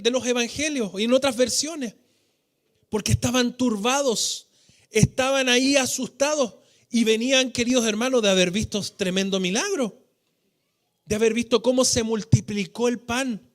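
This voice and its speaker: A man's voice: very high voice, moderate pace. A Chilean man preaching a sermon in a church, fervent and emphatic, stretching out key phrases with sung cadences. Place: church hall.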